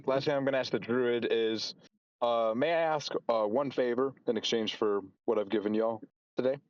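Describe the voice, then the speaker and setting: Halting man playing a tabletop game. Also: mid-range voice, dry recording, highs cut off. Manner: halting, repeats and reformulates as he plans. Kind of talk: casual chat during a role-playing game.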